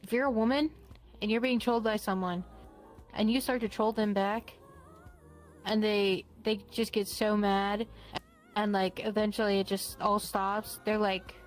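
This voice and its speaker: A woman's voice: medium pitch, steady tone, unhurried. A woman chatting casually in a blunt, emphatic manner, swearing freely. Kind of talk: casual chat. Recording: faint music behind.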